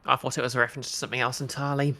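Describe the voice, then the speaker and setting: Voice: medium pitch, flat delivery, racing, pushed and bright. A player at a tabletop game, making dry, pedantic remarks in casual chat.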